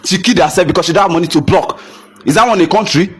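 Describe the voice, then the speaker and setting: A young Nigerian photographer speaks quickly in a high, slightly rough voice during a heated rant to camera. He mixes Pidgin into his English and keeps hammering rhetorical questions.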